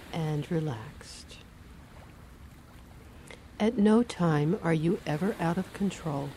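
A woman reading a guided relaxation and hypnosis script in a slow, soothing, measured way. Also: on the low side, warm tone, slight background noise.

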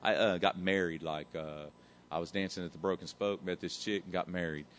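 A man's voice: low-pitched, steady tone, fairly quick, a bit bright, slight background noise. A man, sharing his recovery story in a candid, emotional, rambling way, often saying "man" and swearing casually. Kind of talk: candid personal testimony.

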